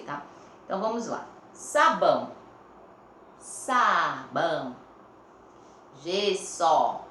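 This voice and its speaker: A medium-pitched, fairly bright female voice with a Brazilian Portuguese accent comes through a phone, with reverb and slight background noise. She is teaching young pupils, speaking slowly, drawing words out syllable by syllable and checking in regularly.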